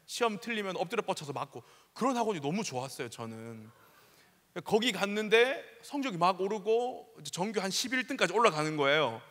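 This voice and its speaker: Male youth pastor, 30s, bright and quick, joking storyteller, echoing in a big hall. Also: high-pitched. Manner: animated, joking, acts out scenes. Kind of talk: storytelling sermon. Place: large church sanctuary. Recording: long hall reverb.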